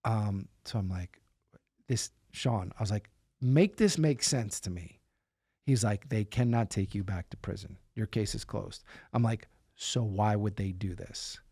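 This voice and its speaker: A podcast host tells his own personal story conversationally, emphatic and incredulous, repeating words for stress. His voice is on the low side, warm and unhurried, with a breathy edge. The sound is clean studio audio with no echo.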